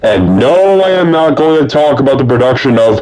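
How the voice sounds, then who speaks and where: A man's voice: medium pitch, expressive, darkish tone, rough recording. Man speaking through a poorly processed voice changer. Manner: stuttering, halting delivery with gaps. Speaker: YouTuber reviewing films. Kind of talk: video essay narration.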